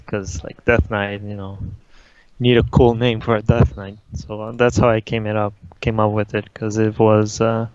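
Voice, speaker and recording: A young Brazilian esports player, a native Portuguese speaker, answers interview questions as a guest in a laid-back way, saying "like" a lot. His voice is lowish, slightly mellow and clean with no echo, though the audio is dull and lo-fi.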